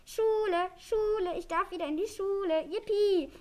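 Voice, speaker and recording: A woman voicing an eager little boy dragon in a read-aloud storybook, squealing with excitement. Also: extremely high pitch, brisk, pitched above the performer's own voice. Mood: overjoyed.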